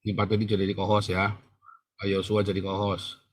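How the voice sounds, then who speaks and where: A man's voice: deep voice, completely flat delivery, brisk. A man hosting a religious livestream talk show, mocking his opponents and urging his audience to fight back through legal means, often repeating phrases for emphasis. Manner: mocking and defiant, laughs at opponents. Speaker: livestream host.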